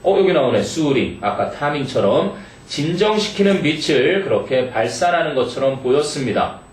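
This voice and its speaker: A man teaching English to high school students, reading English phrases slowly and checking in with the class. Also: lively intonation. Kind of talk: exam-prep lecture. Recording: echoey room, mic far off, faint noise.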